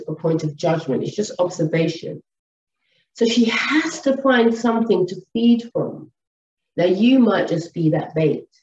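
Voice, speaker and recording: A wellness teacher with a low voice delivers an animated advice monologue, telling stories and acting out quotes. The recording is dull, made in an echoey room with a distant mic.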